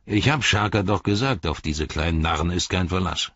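A man voicing a large brutish human ruffian who mocks and threatens in a husky voice. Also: low-pitched, normal speed, fairly bright tone, no echo, highs cut off. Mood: menacing. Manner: menacing, mocking.

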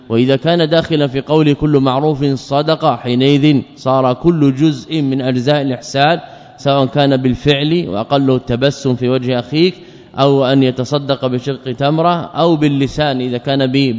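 A man's voice: medium pitch, darkish tone. A man giving an explanatory religious lesson as a scholar, working methodically through word forms and asking himself questions before answering. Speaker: Islamic scholar teaching a creed text. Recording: dull lo-fi audio with long reverb.

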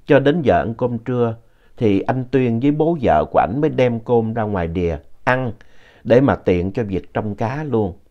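A man narrating a ghost story in an unhurried, conversational way, adding explanatory asides. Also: mid-range voice, darkish tone. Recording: dull lo-fi audio.

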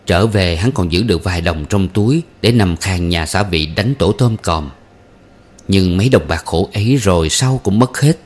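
Guy reading a novel aloud, lowish voice, steady pace. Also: normal speed. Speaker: narrator.

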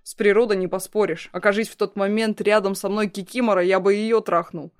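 A woman voicing a cruel young man, a blackmailing ex-fiancé, in a loud, mocking, threatening way. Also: medium pitch, steady tone, fairly quick, lightly acted. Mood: menacing.

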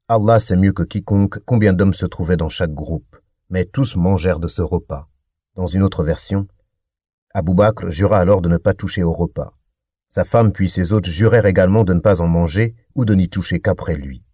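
A man giving a measured, steady reading of a religious text, adding formulaic honorifics as he goes. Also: low-pitched, dry recording, studio quality. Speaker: audiobook reader.

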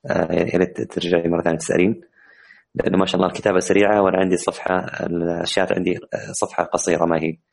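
A man teaching the rules of Quran recitation in an online class, explaining with many hesitant, drawn-out fillers. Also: low-pitched, level tone, gravelly.

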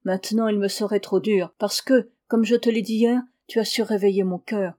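A woman's voice: medium pitch, fairly even intonation, normal speed, mellow, lightly acted. A woman reading a proud, anxious factory owner. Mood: troubled.

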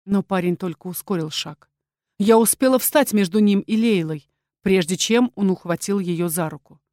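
A woman narrates a fantasy audiobook in a lively, dramatic way. Her voice sounds dry and close, with no room around it. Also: mid-range voice, moderate pace, no echo.

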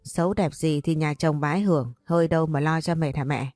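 A woman's voice: deep voice, steady tone, a little fast, a little mellow, no room sound, soft background music, lightly acted. A woman voicing a cocky, lazy young man who talks back to his mother in a cheeky, offhand way.

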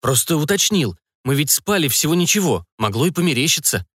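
A man's voice: on the high side, sing-song, fairly quick, a bit bright, no echo, studio quality, voice pushed up. A man voicing a shy, earnest young man. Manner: hesitant and earnest. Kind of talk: audiobook reading.

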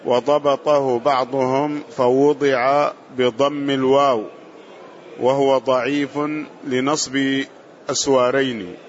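Male student reader, slow, even and flat, lo-fi audio. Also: medium pitch. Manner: slow, flat, measured reading. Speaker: student reading the text aloud. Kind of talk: reading a classical text aloud in a lesson. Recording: dull lo-fi audio.

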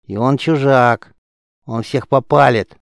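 A man's voice: mid-range voice, takes it slowly, vocal fry, no room sound, studio quality, pitched above the performer's own voice. A man voicing a cheeky small street boy who mocks and squabbles in slang, in an audiobook. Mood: indignant.

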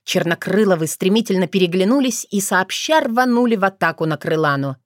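A woman reading a fantasy audiobook aloud, her pitch rising and falling in a lively way. Her voice sits mid-range for a woman. The recording is dry and close with no room sound. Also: brisk, no room sound. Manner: expressive storytelling. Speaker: narrator. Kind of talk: audiobook narration.

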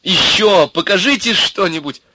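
A man's voice: a little high, very animated, fairly quick, fairly bright tone, slightly rough, voice pushed up, exaggerated voice. Figure: a man putting on a giggly young receptionist. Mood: playful. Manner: giggly, pleading, playful.

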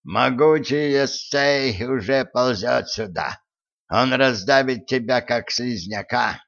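A man voicing a captive male gnome prince who talks in a hoarse, wheezing voice with slow threats. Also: mid-range voice, a bit bright, lo-fi sound, pitched above the performer's own voice. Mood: hoarse, menacing.

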